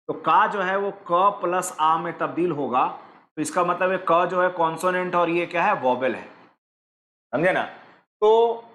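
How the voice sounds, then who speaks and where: A man's voice: sits high, fairly bright tone, roomy sound. A man teaching an online exam-prep class, explaining step by step and asking his students questions, with English terms mixed in.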